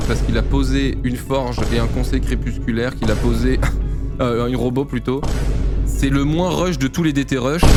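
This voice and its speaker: A man from France casually commentating a game replay, playful and teasing, with loud exclamations and swearing. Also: medium pitch. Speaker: StarCraft grandmaster analysing a replay.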